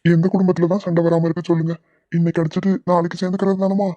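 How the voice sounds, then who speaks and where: A man doing a gentle, gullible young husband in a cartoon, soothing and patient. He talks quickly in a mellow, mid-pitched voice. The recording is close and dry. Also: little pitch movement, no room sound, highs cut off, natural voice. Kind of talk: cartoon voice acting.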